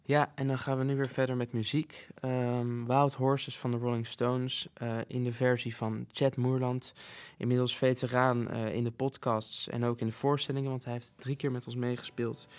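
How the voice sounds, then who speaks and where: Male host, casual announcer, even and flat delivery. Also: medium pitch, normal speed. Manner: relaxed, with fillers.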